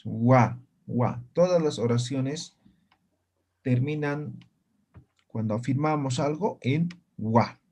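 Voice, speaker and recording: A man teaching an online language class, speaking slowly and patiently and often checking that students follow. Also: mid-range voice, a little mellow. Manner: slow, patient, keeps checking students understand.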